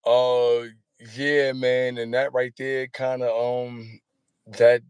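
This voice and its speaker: A man's voice: mid-range voice, level tone, slow, clear, resonant tone, dry recording. A man in his thirties telling his story as an interview guest, rambling in slangy street talk and often asking if you follow. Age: 30s. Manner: rambling, repeats "you know what I'm saying".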